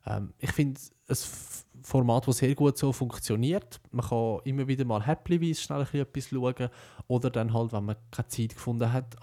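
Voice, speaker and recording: This young man hosts a podcast with a Swiss German accent, offering a laid-back, reflective monologue; he's also a broadcaster intern. His voice is mellow and sits at medium pitch.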